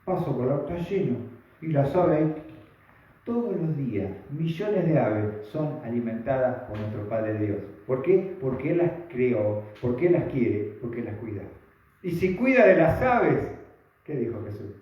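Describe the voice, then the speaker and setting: A man's voice: medium pitch, very animated, unhurried. A man preaching a sermon with a Rioplatense Spanish accent, folksy and conversational, full of rhetorical questions. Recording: very echoey, dull sound.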